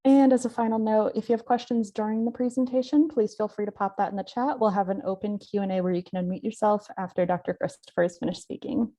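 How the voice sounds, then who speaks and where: Mellow-voiced woman hosting a webinar. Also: mid-range voice, fairly even intonation. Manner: plain, slightly halting delivery with self-corrections. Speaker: event host. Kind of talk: online webinar introduction. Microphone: video call.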